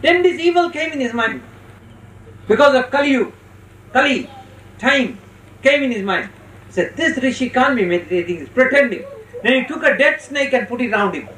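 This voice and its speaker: High-pitched spiritual teacher, slow and pausing. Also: animated, a bit bright. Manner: instructive, checks listeners' understanding. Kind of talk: religious discourse with parable storytelling. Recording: roomy, distant mic with faint noise.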